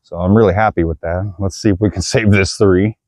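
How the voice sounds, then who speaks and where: A man's voice: low-pitched, fairly even intonation, brisk, darkish tone, no echo. Breathless man narrating a disc golf round. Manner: chatty, addresses viewers as guys. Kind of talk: casual play-by-play narration. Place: outdoor wooded disc golf course.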